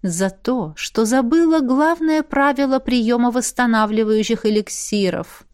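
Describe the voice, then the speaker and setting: A woman voicing a stern, dry-witted female demoness who heads a magic academy, speaking slowly and reproachfully. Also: on the high side, darkish tone, smooth, natural voice.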